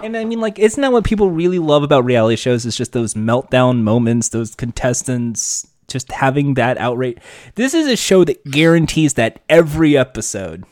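A man's voice: medium pitch, big pitch swings, normal speed, darkish tone, dry recording. Chatty man on a dry podcast mic. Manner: chatty storyteller, swears casually. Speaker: podcast co-host. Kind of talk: casual chat.

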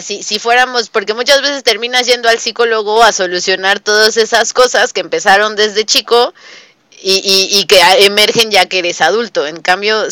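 A woman's voice: mid-range voice, smooth, no room sound. A young woman with a Mexican accent, a teacher, talking casually in an interview and acting out the dialogue in her stories. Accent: Mexican Spanish. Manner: animated storyteller, acts out quoted dialogue. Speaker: guest, early childhood teacher.

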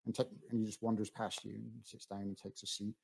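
A man's voice: on the low side, level tone, fast talker, vocal fry, darkish tone, breathy edge, rough recording. Hesitant man narrating a tabletop game. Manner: hesitant, many ums and restarts. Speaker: game master.

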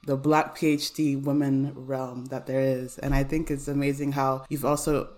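A woman's voice: a bass voice, little pitch movement, moderate pace, darkish tone. A woman hosting a podcast, chatting in an upbeat, casual way. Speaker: podcast host. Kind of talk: casual conversational interview.

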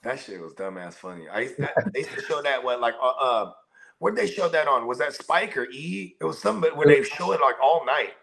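A man in casual podcast chat, his voice bright and gravelly with fry. He talks in slangy, laughing stories. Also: mid-range voice, expressive, brisk, a little hiss or hum. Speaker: podcast co-host.

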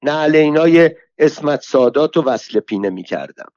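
A man's voice: a little high, animated, darkish tone, dry recording, voice pushed up, lightly acted. A man playing an earnest, pious old cobbler in a storybook, testifying with solemn oaths, voice lifted a little above plain speech. Dull, dry recording. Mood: vowing.

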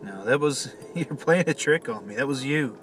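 A man's voice: medium pitch, lively intonation, moderate pace, a bit bright, faint music behind, natural voice. A man playing a jittery, paranoid man in a suspense audio drama, agitated and given to muttering to himself. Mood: panicked. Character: jittery, paranoid man haunted by an unseen stalker.

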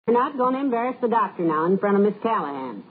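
Through thin, slightly noisy vintage radio sound, a woman plays a sensible wife in a 1940s comedy. She is gracious but firm, with very lively intonation. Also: medium pitch, quick pace, lightly acted. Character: sensible, gracious wife who scolds her foolish husband. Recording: noisy old phone-like radio recording.

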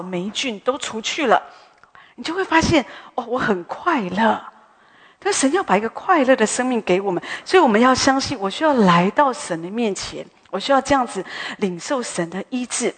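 Speaking gently and conversationally, a woman preaches at a morning prayer meeting, adding soft tag sounds to the ends of her phrases. Her voice is fairly high with a breathy edge, and the recording has a long, hall-like echo.

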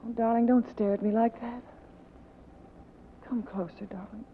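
An actress playing a seductive, evasive femme fatale with a coaxing, dramatic manner in a 1940s radio drama. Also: female voice, on the high side, fairly even intonation, normal speed, a little hiss or hum, lightly acted. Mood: weary, seductive. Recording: tinny vintage 1940s radio recording.

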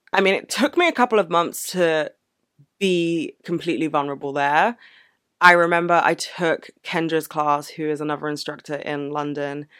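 A woman's voice: sits low, fairly bright tone, clear, resonant tone, dry recording, studio quality. A woman vlogger telling a personal story in a candid, earnest, casual way. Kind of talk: casual reflective Q&A vlog.

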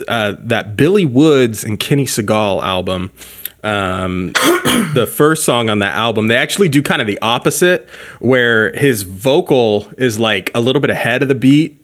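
A man chatting loosely on a podcast, his voice sitting in an ordinary middle pitch. He rambles with plenty of fillers, swears freely and drifts between thoughts. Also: fairly bright tone. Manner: rambling and profane, lots of "like" and "bro"; easily cracks up laughing. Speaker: podcast co-host. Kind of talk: casual podcast chat.

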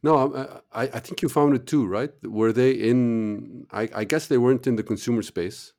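A man with an average-pitched voice hosts a casual interview. He asks his questions haltingly, with plenty of fillers and murmured agreement. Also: darkish tone. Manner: hesitant, many fillers and backchannels. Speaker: podcast host.

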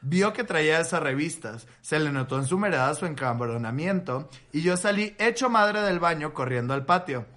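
A man co-hosting a podcast in a bright, forceful voice, set a bit high. He jokes crudely and reads a listener's story aloud in casual chat, close on a studio mic. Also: animated, moderate pace, hardly any pauses. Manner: joking, crude, laughs often. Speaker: podcast co-host.

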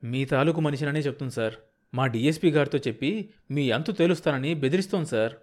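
A man's voice: a little high, quick pace, close to an everyday voice. A man voicing a nervous, deferential junior police officer who keeps complaining to his boss. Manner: complaining, says "sir" often.

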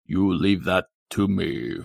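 Brief: man doing a stern male judge for improv, very deep and gravelly, measured booming delivery. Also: a little mellow, no echo, exaggerated voice. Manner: slow, booming pronouncements. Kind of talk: improv comedy.

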